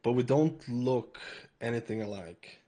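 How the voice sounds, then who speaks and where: A young man from Lithuania with a mixed Irish accent, chatting casually as a podcast guest and telling stories in a relaxed way. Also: medium pitch, measured pace, husky. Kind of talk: casual interview chat.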